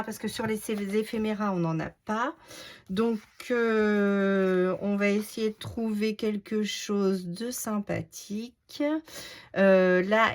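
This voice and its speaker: A woman's voice: medium pitch, a little hiss or hum. A woman with a Norman French accent giving a casual crafting tutorial, thinking aloud and muttering to herself as she works. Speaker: crafter showing card-making.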